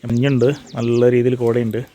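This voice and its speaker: A man talks in a soft-edged, mellow voice. He narrates his outing in casual vlog style, dropping English words into Malayalam. He is outdoors, with faint insect noise behind him. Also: medium pitch, completely flat delivery, a little fast. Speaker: travel vlogger. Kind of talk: casual vlog commentary, narrating what he does. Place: outdoors at a hilltop viewpoint before and at dawn.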